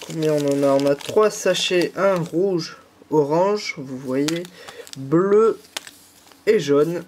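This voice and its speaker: Over background noise, a young French YouTuber with a slight head cold patiently explains a candy kit tutorial step by step, dropping in many fillers. His voice is fairly high-pitched.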